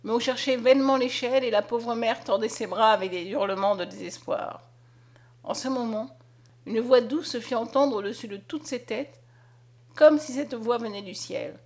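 A woman narrating a story aloud in a dramatic, expressive reading. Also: a little high, normal speed. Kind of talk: scripted audiobook narration.

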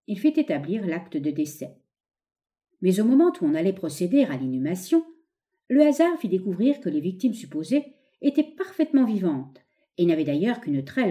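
Expressive woman reading aloud, mellow tone. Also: mid-range voice. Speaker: audiobook reader. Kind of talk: scripted narration of an essay.

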